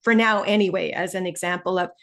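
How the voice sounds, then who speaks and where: A Canadian woman with an Ontario accent and a steady voice on the low side teaches an online test-prep webinar. Her manner is friendly and explanatory, and she slows when stressing key points.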